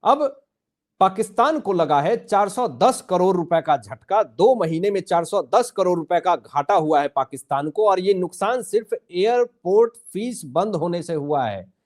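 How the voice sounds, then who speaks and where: A man's voice: high voice, animated, a little slow, a little mellow. A man hosting a heated political news commentary, combative and mocking, often calling out to his viewers as friends.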